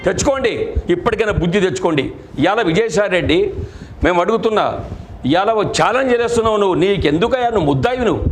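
A man's voice: high voice, lively intonation, very fast, faint music behind. A middle-aged man, a party district president, giving an angry political press statement full of accusing rhetorical questions. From Andhra Pradesh, India.

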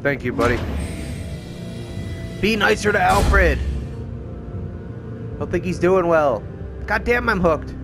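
A man's voice: sits high, expressive, takes it slowly, long pauses, music in the background. A man giving casual game commentary as a streamer, crude and sarcastic, swearing freely. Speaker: gaming streamer. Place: indoors, game audio and music behind the voice.

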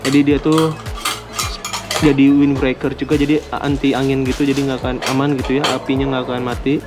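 A man casually unboxing and reviewing camping gear at a table indoors, talking in a relaxed, hesitant way with small laughs. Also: medium pitch, fairly quick. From Indonesia. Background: music.

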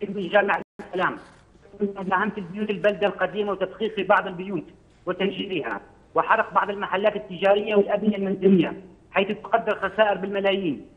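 A man's voice: high-pitched, fairly even intonation, very fast. A male field correspondent delivering an urgent news report, heard through a poor-quality remote audio feed. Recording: dull lo-fi remote stream.

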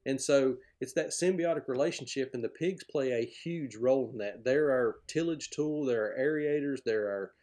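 Enthusiastic middle-aged farmer on a video call. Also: male voice, medium pitch, normal speed, hardly any pauses, darkish tone. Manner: enthusiastic, explanatory, plain-spoken. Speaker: pig farmer guest. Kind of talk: podcast interview over video call. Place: indoor room at home. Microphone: video call, webcam framing.

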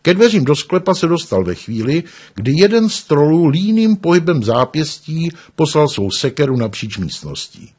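A man reading an audiobook aloud with expressive storytelling. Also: on the high side, hardly any pauses, slightly rough. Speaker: audiobook narrator. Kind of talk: audiobook narration.

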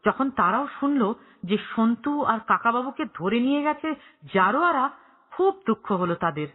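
Man, audiobook narrator, high husky voice, tinny phone-like sound, dramatic storytelling. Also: normal speed. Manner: voices characters with rising excited pitch.

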